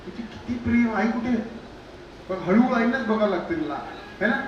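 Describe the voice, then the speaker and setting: High-voiced man hosting a lively event. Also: fairly quick, dull audio. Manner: energetic, urges the crowd to clap and cheer. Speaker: event anchor at a pre-wedding sangeet. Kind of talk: lively crowd hosting, teasing the couple. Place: celebration venue with a crowd. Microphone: handheld microphone through the house speakers. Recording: echoey venue sound, distant mic, crowd noise.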